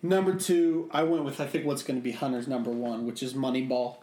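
A man's voice: mid-range voice, fairly even intonation, fairly quick, dark tone, reverberant, a little hiss or hum. A man co-hosting a podcast, explaining his view earnestly in casual chat, with many fillers. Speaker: podcast co-host.

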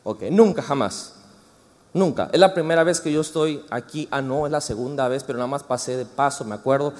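A man's voice: mid-range voice, brisk. A man with a Mexican accent preaching a sermon, chatty and joking with the congregation. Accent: Mexican Spanish. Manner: animated, joking and chatty with the audience. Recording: reverberant hall.

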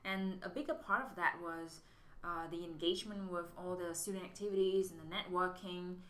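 A Vietnamese MBA student, appearing as a guest, gives casual interview answers in a lowish, slightly bright voice with fairly even intonation at a normal speed. She's thoughtful, often restarts her sentences, and uses non-native English phrasing. The recording comes from an echoey room with faint noise.

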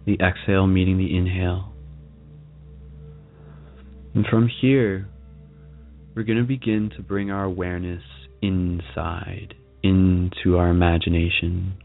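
A man leading a guided meditation in a soft, calming, unhurried manner with long pauses. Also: sits low, gravelly, phone-quality sound. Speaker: meditation guide, show host. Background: music.

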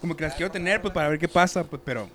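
A man's voice: a little high, a crowd in the background. A young man with a Mexican Spanish accent, talking in a slangy way during a casual chat. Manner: rapid, slangy.

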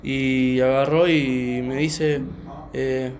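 A young man with a Rioplatense Spanish accent, calmly telling a personal story on a podcast, with many fillers. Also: medium pitch, slight background noise. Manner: calm, unhurried, many fillers. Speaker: podcast co-host. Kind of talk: casual storytelling chat.

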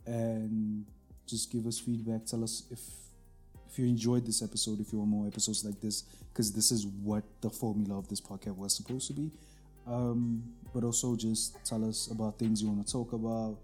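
Low warm husky voice, South African man, casual podcast co-host, faint music behind. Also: flat delivery, normal speed. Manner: rambling, restarts with filler words.

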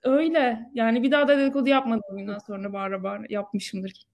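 A young woman in her twenties chatting casually, telling stories in an animated way with slang and laughter. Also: a little high, fast talker. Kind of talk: casual chat.

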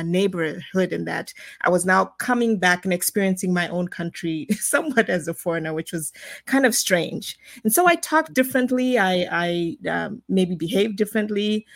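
Woman from zimbabwe on a podcast, bit of fry in her voice, thinks out loud with lots of ums. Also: fairly low pitch, no room sound, studio quality. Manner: thoughtful, with hesitant fillers. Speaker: podcast co-host. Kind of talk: casual podcast chat.

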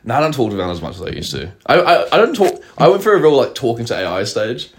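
This is a young man co-hosting a casual podcast. His pitch runs very wide, jumping up on jokes and dropping low on asides. He talks in an animated, loose way, laughs often and slips into quick put-on voices. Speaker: podcast co-host. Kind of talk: casual chat.

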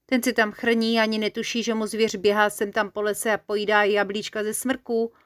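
A woman voicing an excitable little male forest creature in a children's storybook, with a bouncy, squeaky way of talking. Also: no echo, clean studio sound, lightly acted. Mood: arguing. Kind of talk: storybook character voice.

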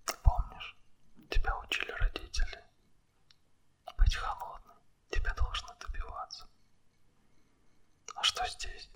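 A man speaking an ASMR monologue straight to the listener in a breathy, unvoiced whisper, right in the ear and close to the mic, with blunt wording. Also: unhurried, long pauses, fairly bright tone. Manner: blunt, coarse language.

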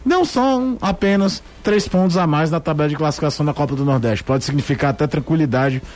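A man's voice: on the high side, fast talker, darkish tone. A man giving conversational, explanatory football analysis on the radio, repeating words to build his points. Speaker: sports commentator.

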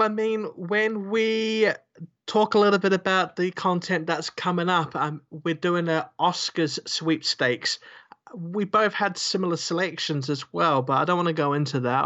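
A man's voice: a little high, sharp tone, muffled recording. A man co-hosting a podcast in casual chat, rambling and joking with lots of fillers. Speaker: podcast co-host.

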